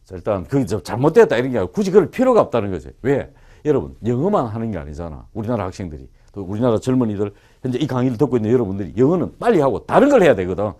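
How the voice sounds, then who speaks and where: A man teaches English to students in a lecture room. His voice leaps around as he talks, playful and teasing. He keeps throwing quick questions at the class. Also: medium pitch. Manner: animated and joking, quizzes the class.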